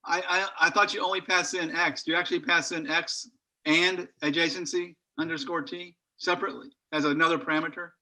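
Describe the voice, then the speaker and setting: Study group member, male, bright slightly high voice, rambling casual chat over a video call. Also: fairly even intonation, a little fast. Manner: chatty, rambling, thinks aloud.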